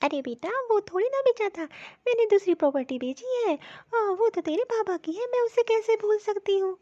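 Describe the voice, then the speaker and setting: A woman's voice: very high voice, lively intonation, moderate pace, dark tone, no echo. A woman voicing a simple, affectionate old mother-in-law from a village in a cartoon story, with homely, rustic talk. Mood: gentle. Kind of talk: cartoon voice acting. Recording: dull, dry lo-fi recording.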